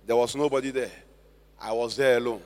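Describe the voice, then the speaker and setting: A man with a Ghanaian accent preaching a sermon as a pastor, with slow emphatic stress and loud swells. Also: mid-range voice, steady tone. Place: church hall. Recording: long church hall reverb.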